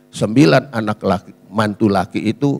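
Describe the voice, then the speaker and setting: A man's voice: on the low side, normal speed, vocal fry, darkish tone. A man in his sixties, a preacher, telling a funny story in a sermon, chatty and laughing as he acts out the people in it.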